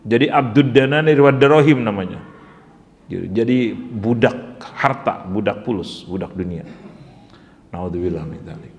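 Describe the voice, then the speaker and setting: A man teaching a religious study session, telling stories in an animated way, acting out the voices and often laughing. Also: fairly low pitch, moderate pace, long pauses. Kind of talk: storytelling sermon. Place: pesantren prayer hall. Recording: echoey hall.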